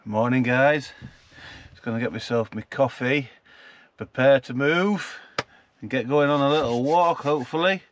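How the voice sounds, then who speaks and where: A van-life vlogger with a Yorkshire accent addresses viewers in a mid-range voice at a moderate pace, his manner chatty, informal and jokey. Recorded on location, the sound is muffled and carries slight background noise.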